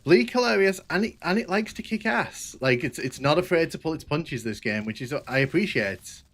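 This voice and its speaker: Streaming a game, this young man with a northwest England accent rambles and jokes at his own expense in chatty commentary. His voice is a little high, animated, and a bit bright, at a normal speed.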